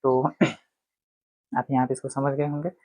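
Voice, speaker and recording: A man's voice: medium pitch, flat delivery, measured pace, darkish tone, no room sound. A man teaching English grammar, explaining step by step and answering his own questions. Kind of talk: classroom lecture. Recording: tinny phone-like dry sound.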